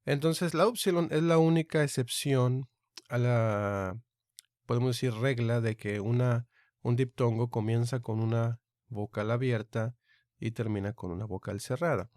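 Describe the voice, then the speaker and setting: A man teaching a recorded online Greek lesson, speaking slowly and deliberately and repeating each sound aloud. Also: mid-range voice, a little mellow, no room sound, studio quality.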